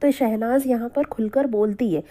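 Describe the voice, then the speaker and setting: A woman's voice: a little high, moderate pace, dark tone. A woman giving a spoken review of a reality show, opinionated and repeating her points for emphasis.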